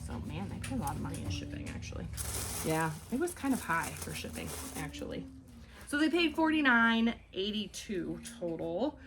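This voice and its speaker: A woman's voice: fairly low pitch, sing-song, moderate pace, gravelly. A woman in her forties chatting casually at home while packing orders, rambling and often trailing off mid-thought. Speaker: online clothing reseller.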